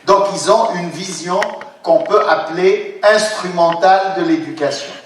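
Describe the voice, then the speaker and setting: A man's voice: high voice, a little slow. A man in his sixties giving a university lecture, hesitant, with many fillers and restarts as he explains. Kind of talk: academic conference lecture. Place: lecture hall, indoors. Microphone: distant room mic. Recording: very echoey hall from far off, faint noise.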